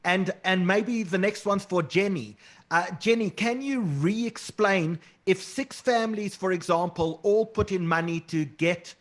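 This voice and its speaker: A man moderates a panel, briskly reading out audience questions to the panelists. His voice sits high for a man. He speaks over a video call. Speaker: webinar host.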